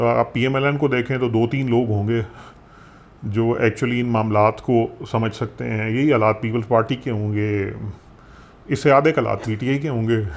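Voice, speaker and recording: A man with a Pakistani Urdu accent explaining economics in a conversational way, animated and sprinkling in English phrases. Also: medium pitch. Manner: animated, mixes English phrases, frequent fillers. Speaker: economics commentator.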